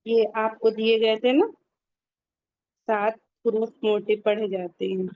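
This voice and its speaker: A woman's voice: fairly high pitch, flat delivery. A woman teaching an online recitation class, patiently repeating key points for her students to memorize over a video call. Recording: dull lo-fi online call audio.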